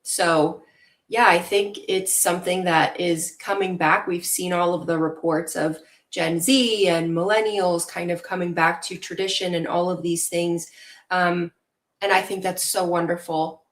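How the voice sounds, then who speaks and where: A young woman born in Venezuela talks as an interview guest, earnest and reflective. Her voice sits a little low for a woman, and she often pauses on small fillers as she gathers her thoughts. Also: steady tone. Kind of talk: casual interview talk.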